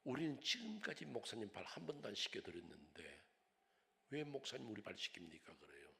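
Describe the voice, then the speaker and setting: An older man preaching a revival sermon as a pastor, telling stories dramatically and swinging from hushed whispers to loud cries. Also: lowish voice, very animated, a little fast, creaky. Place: church sanctuary. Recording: long hall reverb in a church.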